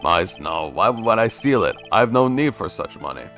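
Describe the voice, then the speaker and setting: A man's voice: on the low side, very animated, normal speed, fairly bright tone, soft background music. A man voicing a flamboyant, theatrical male French chef in a mock French accent, gushing and dramatic, dropping French words.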